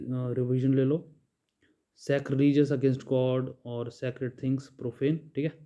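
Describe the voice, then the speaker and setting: With a warm, mid-range voice, a man reads out vocabulary lists in a bilingual lesson and explains every word in Hindi, frequently adding "ठीक है". The audio is dull and lo-fi.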